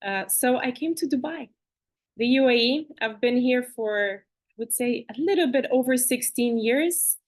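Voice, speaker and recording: Woman guest, fairly high voice, chatty and animated, video call, restarts often. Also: normal speed. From Bulgaria. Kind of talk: conversational interview.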